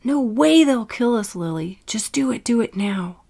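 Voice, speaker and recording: A woman's voice: on the high side, animated, vocal fry, warm tone, pitched above the performer's own voice. A woman voicing a panicked alien shuttle pilot. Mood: urgent. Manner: urgent, hurried.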